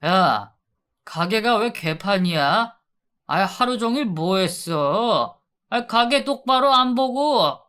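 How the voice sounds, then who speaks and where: Woman doing a drunk shouting husband. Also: medium pitch, expressive, takes it slowly, clear, resonant tone, voice pushed up. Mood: belligerent. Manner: shouting, insulting. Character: drunk, belligerent husband, cowardly and rude.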